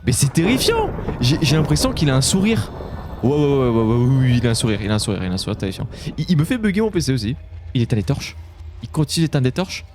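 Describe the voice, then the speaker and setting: A man giving loud, jumpy commentary while playing a horror Minecraft mod, yelping when startled and swearing at the monsters. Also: mid-range voice, very animated, fast, noisy background. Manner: talks to the game monsters. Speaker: gaming YouTuber. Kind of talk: live Minecraft let's-play commentary.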